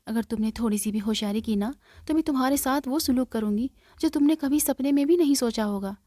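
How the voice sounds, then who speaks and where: A sharp-tongued sister-in-law from a storybook tale, accusing and scolding, voiced by a woman narrator with a warm, fairly high voice. The sound is dry and close. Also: no echo, natural voice. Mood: threatening. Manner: harsh, accusing.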